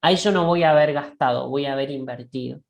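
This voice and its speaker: A discussion co-host with a notably low, creaky, darkish voice talks through ideas slowly and reflectively, as if on a video call. She pauses often, restarts phrases, and keeps checking in with a questioning "right?", sounding thoughtful and halting in this conversational dialogue.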